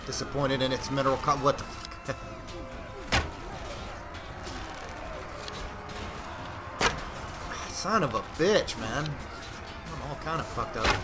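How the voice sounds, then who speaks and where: A man giving casual, profane, rambling commentary while he plays a game, now and then bursting into shouts. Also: mid-range voice, wildly swooping pitch, drawn-out words, pauses often. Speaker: gameplay commentator. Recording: loud game music behind the voice.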